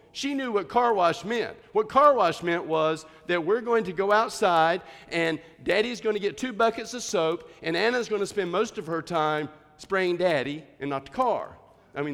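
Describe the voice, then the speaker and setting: Male pastor with a high, swooping voice, animated storyteller in the pulpit; reverberant hall sound. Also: creaky. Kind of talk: sermon.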